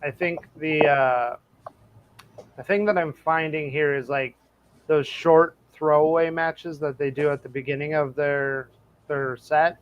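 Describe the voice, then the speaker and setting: Slightly high man, muffled mic. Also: fairly even intonation, unhurried, clear, resonant tone. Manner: hesitant, many ums, jokey storytelling. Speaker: podcast co-host. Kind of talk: casual podcast chat. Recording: slightly muffled with faint noise.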